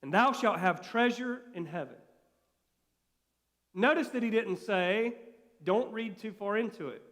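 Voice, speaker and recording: Preacher guy, real high voice, folksy and chatty, drops soft a lot, big echoey church sound. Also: measured pace, long pauses. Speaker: pastor. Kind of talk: sermon. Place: church sanctuary. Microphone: live stream. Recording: long hall reverb.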